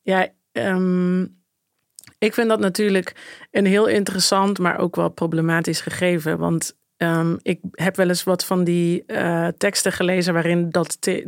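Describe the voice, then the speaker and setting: A woman's voice: on the low side, dry recording, studio quality. A woman author speaking as a guest, thoughtful and hesitant with many fillers. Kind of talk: casual discussion.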